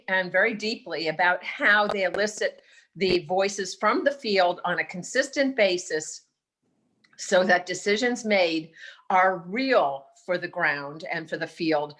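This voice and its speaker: A woman giving thoughtful, halting remarks on a video call, often restarting her sentences. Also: fairly low pitch, a bit bright. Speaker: meeting participant on a science policy team. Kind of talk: online meeting remarks.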